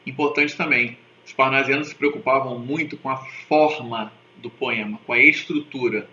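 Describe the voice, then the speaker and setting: A man teaching a lesson in a very bright, forceful voice, checking in with his viewers after nearly every point. He spells out sounds and asks them to repeat along. The recording is dull and lo-fi, with a roomy echo and a faint hiss. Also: medium pitch, fairly even intonation, normal speed. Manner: didactic, keeps checking in with "tá?" and "né?". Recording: echoey, dull lo-fi room recording with faint noise.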